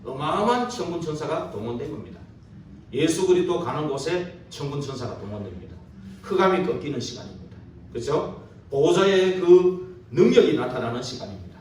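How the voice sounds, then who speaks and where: Lively preaching man in an echoey church. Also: fairly high pitch, fairly quick, slight background noise. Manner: keeps checking agreement with the congregation through tag questions; poses rhetorical questions to the listeners. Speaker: pastor. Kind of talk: sermon. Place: church sanctuary during a service. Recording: very echoey church hall from far off.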